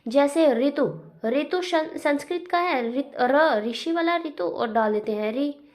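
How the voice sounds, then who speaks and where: A woman's voice: sits high, takes it slowly, a little mellow. A woman teaching a Hindi writing lesson, explaining each point with repeated examples and asides. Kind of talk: classroom lesson.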